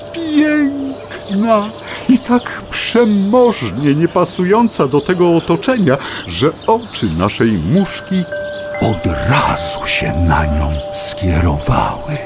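A male storyteller with a high voice narrates a scripted children's story slowly and theatrically. He is very animated, dramatic and expressive, speaking directly to his listeners.

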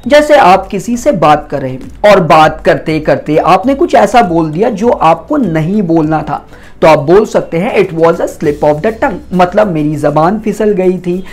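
A woman teaching English idioms as a vocabulary lesson, reading each English example slowly and deliberately before explaining it. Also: lowish voice, big pitch swings, darkish tone.

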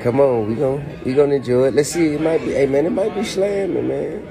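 A man's voice: fairly high pitch, a little fast, gravelly. A man in his forties teasing his partner in casual chat at a restaurant, filming himself on a phone at arm's length. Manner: teasing, laughing, Southern slang. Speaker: vlogger filming a night out. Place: restaurant at night, then a car. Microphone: phone held at arm's length. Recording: busy restaurant with music and crowd noise.

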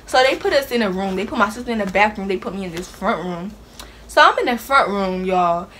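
A young woman tells a story straight to the camera, animated and dramatic, with her pitch around the middle for a woman. She keeps it casual and chatty and laughs easily. A steady hiss sits under the recording. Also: fairly quick. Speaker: vlogger.

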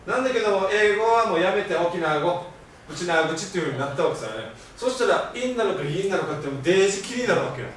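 A man giving an animated, joking lecture on language and pronunciation. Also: high-pitched, fast. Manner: animated, jokey, uses Okinawan-flavored sentence endings. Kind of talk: lively public lecture. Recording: echoey hall from far off, faint noise.

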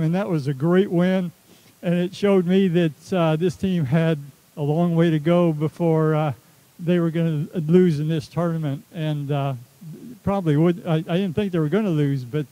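A man from Texas tells rambling, self-deprecating stories at a ceremony in an outdoor stadium. His voice sits a bit high but sounds dark and mellow. He talks through a stadium microphone. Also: no room sound, poor audio. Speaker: athletics director. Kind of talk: casual speech at a ceremony.

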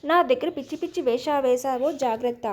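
A woman voicing a young wife who is hurt, proud and quick-tempered, speaking sharply and curtly, in a storybook reading. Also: sits high.

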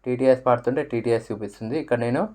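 A man's voice: medium pitch, fairly even intonation, very fast, dark tone. A man with a Telugu accent explaining step by step how to use a phone app, repeating menu words aloud. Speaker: tutorial presenter. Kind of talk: screen-reader app tutorial.

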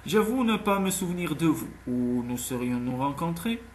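A man's voice: on the high side, lively intonation, normal speed, a little mellow, slight background noise, natural voice. A man voicing a cynical, sceptical wealthy man in an audiobook, with a dry, cutting delivery. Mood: cold. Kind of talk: audiobook character voice.

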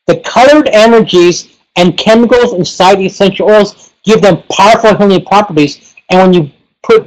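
A man's voice: sits high, low-quality recording. A man giving a casual webinar lesson, rambling and leaning heavily on fillers like "you know" and "like". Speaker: pranic healing teacher.

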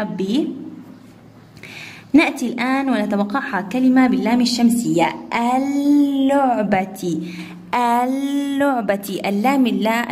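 A woman teaching young children to read, sounding words out slowly syllable by syllable. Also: a little high, a little mellow, a little hiss or hum. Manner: slow, drawn-out syllable-by-syllable reading. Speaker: first-grade Arabic teacher. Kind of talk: online class lesson.

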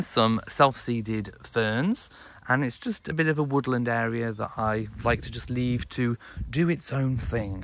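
A man's voice: medium pitch, fairly bright tone. A young man from England walking through his garden with a handheld phone, chatting enthusiastically, with ums and restarts as he thinks aloud. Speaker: vlogger touring his garden. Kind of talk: casual walking garden tour. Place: outdoors in a home garden and greenhouse. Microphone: phone camera held in hand while walking.

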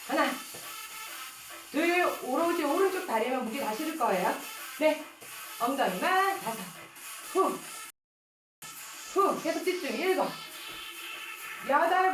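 A woman leading a workout as an instructor, counting reps aloud in short, clipped commands and exhaling audibly between counts. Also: high-pitched. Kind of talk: workout coaching with rep counting. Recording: roomy echo with music behind. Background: music.

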